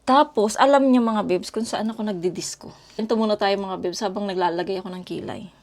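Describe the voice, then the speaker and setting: A middle-aged Filipina vlogger chats and rambles to her viewers while telling stories from her home in Korea. Her mid-range voice is a little mellow and runs slightly fast.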